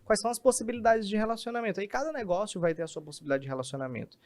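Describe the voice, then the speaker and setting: A man, a communication specialist, explaining in an animated podcast interview and acting out examples. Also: high-pitched, rapid-fire. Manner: animated, acts out examples in quoted voices.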